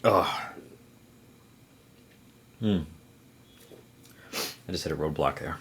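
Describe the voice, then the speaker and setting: A man's voice: rumbling low, takes it slowly, a bit bright, slightly rough. A man vlogging an eating challenge, talking while chewing with groans and sighs. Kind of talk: casual eating vlog.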